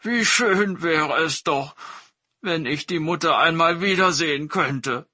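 Man playing a gullible big tiger, soft-hearted, wondering, a bit raised up from his normal voice. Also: a little high, unhurried, no echo, pitched above the performer's own voice, heavily acted. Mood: curious. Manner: wondering, emotional.

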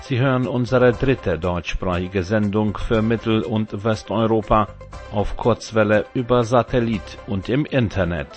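A male station announcer giving a formal, measured station identification, heard through a fading shortwave radio sound. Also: lowish voice, over loud music.

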